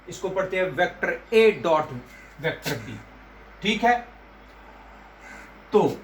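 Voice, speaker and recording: A man teaching physics to students, repeating key terms slowly and calling them "beta". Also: high-pitched, a bit bright, a little hiss or hum. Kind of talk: classroom lecture. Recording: echoey room with faint ambience.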